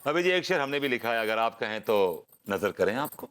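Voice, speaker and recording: An actor playing a flirtatious, smooth-talking neighbour who speaks in showy, poetic flourishes. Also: male voice, medium pitch, sing-song, brisk, crowd noise, background noise, close to an everyday voice. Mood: flirty.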